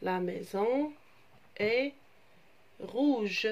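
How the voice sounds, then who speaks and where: Woman teacher, very slow deliberate pace, patient repetition for children. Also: medium pitch, animated. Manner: slow, repeats terms, addresses children, switches to Arabic to explain. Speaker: primary school French teacher. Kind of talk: slow classroom grammar lesson for children.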